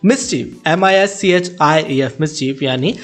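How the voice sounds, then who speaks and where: A man teaching English vocabulary in Hindi. He spells each word and says each example sentence slowly, then explains it quickly. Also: a little high, faint music behind.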